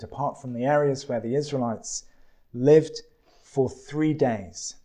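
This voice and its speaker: A man preaching a sermon in a slow, deliberate way, with dramatic pauses. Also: mid-range voice, darkish tone.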